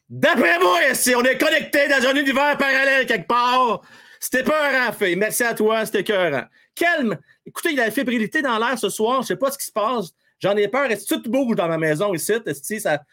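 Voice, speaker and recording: A man with a Québécois accent hosting a hockey livestream from home, excitable and joking, shouting and swearing at big plays. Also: on the high side. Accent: Québécois French. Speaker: fan livestream host. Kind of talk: excited live hockey commentary.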